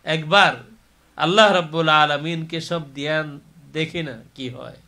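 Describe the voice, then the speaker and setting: Man, mosque sermon, fervent preaching, loud high cries, hushed storytelling. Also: moderate pace. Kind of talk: Bengali waz sermon.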